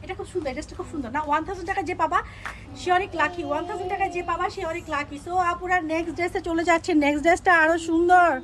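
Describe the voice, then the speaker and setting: A young woman selling clothes on a live stream, pitching each dress with pushy repetition and English words mixed in. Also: steady tone, very fast, fairly bright tone. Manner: repeats phrases, pushy upbeat selling, mixes English words. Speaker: online clothing seller.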